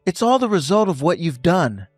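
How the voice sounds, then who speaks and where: A man in his fifties voicing a stern husband who speaks calmly and coldly, lecturing his wife. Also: high voice, moderate pace, no room sound, clean studio sound, soft background music. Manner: calm, cold and lecturing. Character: stern husband ending a toxic marriage.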